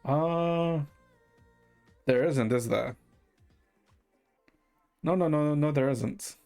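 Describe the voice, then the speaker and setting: A man streams a game and chats casually with viewers, thinking aloud hesitantly and swearing mildly now and then. His voice is on the high side, very slow, gravelly and a little mellow. Music plays behind him.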